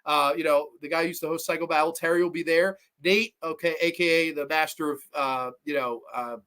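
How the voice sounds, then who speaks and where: A young man hosts a horror movie livestream in a casual review chat, his voice a little high and bright with a steady tone and a fairly quick, pushed delivery. He rambles, shares strong opinions, swears casually and reads chat comments aloud. He sounds slightly congested and has a slight cough.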